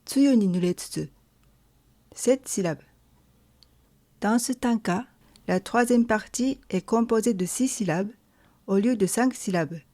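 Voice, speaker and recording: Slow, mellow-voiced woman teaching. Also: medium pitch. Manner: calm, careful, step-by-step explaining. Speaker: language teacher. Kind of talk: slow explanatory lesson narration.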